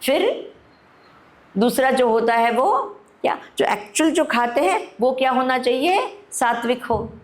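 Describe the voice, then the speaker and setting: A woman spiritual teacher giving a discourse at a spiritual camp, unhurried, often asking her listeners questions and mixing Hindi with English. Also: sits high, expressive.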